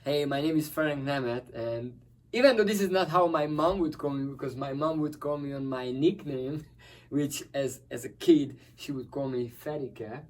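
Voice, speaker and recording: A man's voice: fairly high pitch, normal speed. A middle-aged man from Hungary, a guest musician telling stories cheerfully and laughing often. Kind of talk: conversational interview. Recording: distant from the mic.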